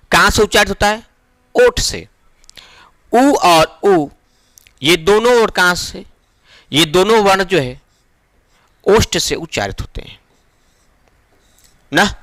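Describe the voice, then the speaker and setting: Man, middle-aged teacher, exam-prep lesson, slow emphatic delivery, high animated voice, dry close sound. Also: dry recording. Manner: slow and emphatic, repeats each point and answers his own questions; drawls vowel sounds to demonstrate them. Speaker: Hindi teacher.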